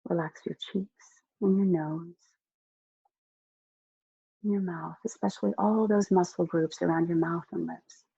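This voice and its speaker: Hypnotist for a guided relaxation read: soft, unhurried, mellow and dark tone, dry close sound. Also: medium pitch, fairly even intonation, creaky, breathy edge, no room sound, lo-fi sound. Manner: slow, soft, soothing instructions with long pauses.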